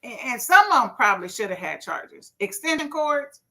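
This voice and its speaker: A middle-aged woman chatting on a live stream in a bright, somewhat high voice. She tells stories with lively, folksy asides and reads out viewer comments as she goes. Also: normal speed. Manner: animated storyteller, laughs often, folksy asides. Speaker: livestream host.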